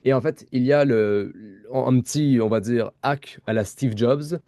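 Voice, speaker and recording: A man's voice: medium pitch, moderate pace, dark tone, no room sound, studio quality. A man with a Québécois accent co-hosting a podcast, explaining ideas in casual chat with frequent fillers and restarted words. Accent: Québécois French. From Quebec. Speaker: podcast co-host.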